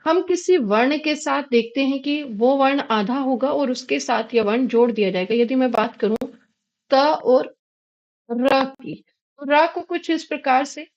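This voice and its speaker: A woman's voice: high-pitched, darkish tone, lo-fi sound. An Indian woman teaching a Hindi grammar lesson, patiently posing questions and answering them herself. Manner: patient, asks and answers her own questions.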